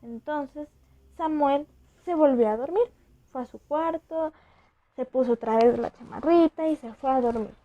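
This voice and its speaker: A woman teaching a children's Bible lesson in a gentle storytelling way. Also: high voice, unhurried, highs cut off.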